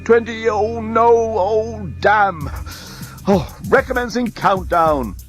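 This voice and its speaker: A man's voice: sits high, takes it slowly, faint music behind, voice pushed up. A man voicing a whiny talking bomb that moans while it counts down, in a storybook reading. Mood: moaning. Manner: moaning, sulky countdown.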